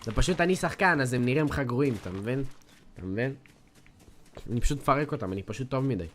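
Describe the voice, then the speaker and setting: A man's voice: mid-range voice, animated, a bit bright, slight background noise. An eighteen-year-old man from Israel streaming a game live, boasting and trash-talking to his chat in a hyped, slangy way. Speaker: gaming streamer.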